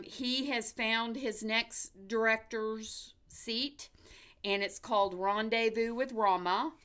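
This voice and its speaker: A woman's voice: fairly high pitch, a bit bright, clear, resonant tone. An American woman hosting a casual movie news chat in an upbeat, chatty, folksy way. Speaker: movie podcast host.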